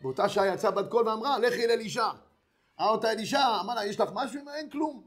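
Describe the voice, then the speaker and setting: A man preaches in a high, bright voice. He tells his lesson as a lively story and slips into the voices of its characters as he goes. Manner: animated storyteller who acts out the dialogue of characters. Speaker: rabbi giving a Torah lesson. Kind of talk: storytelling sermon.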